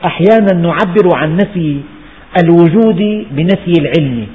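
An older man, preaching a slow, measured, emphatic Quran lesson in a lo-fi recording with long hall reverb. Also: on the high side, lively intonation. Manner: slow, measured, emphatic delivery with dialect asides.

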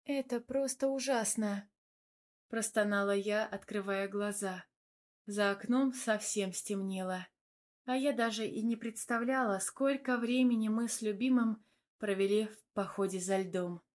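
A woman narrating a first-person romance novel in a smooth, even storytelling voice. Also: medium pitch, a little slow. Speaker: audiobook narrator.

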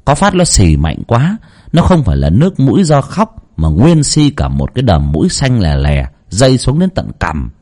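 A man narrating a horror story audiobook in a dramatic, expressive storytelling manner. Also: medium pitch, moderate pace.

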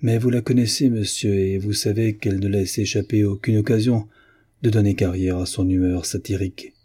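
A man reading a classic novel aloud in a steady, measured narration. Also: fairly low pitch, husky. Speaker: audiobook reader.

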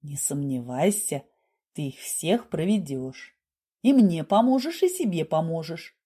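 Woman reading as a smooth scheming male doctor. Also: fairly low pitch, measured pace. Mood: coaxing. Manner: coaxing, calmly persuasive.

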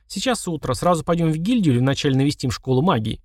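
A man voicing a calm, easygoing young male warlord in an audiobook. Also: on the high side, quick pace, no echo, clean studio sound.

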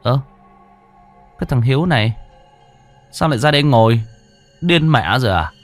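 A man voicing a brash older village man who talks roughly and scolds. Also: medium pitch, expressive, normal speed, dry recording, faint music behind, lightly acted. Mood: exasperated. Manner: blunt, scolding.

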